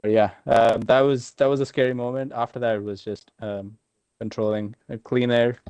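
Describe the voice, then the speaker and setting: A man talking casually after winning a sim race, halting with many fillers and restarts. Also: mid-range voice, steady tone, a little mellow, smooth, no echo, dull audio. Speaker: sim racing driver, race winner. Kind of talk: casual post-race interview.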